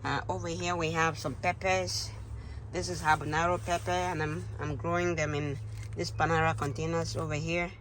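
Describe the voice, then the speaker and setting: Flat-toned man with a halting delivery. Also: fairly high pitch, slight background noise, rough recording. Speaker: gardening channel host. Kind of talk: casual garden update vlog. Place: greenhouse.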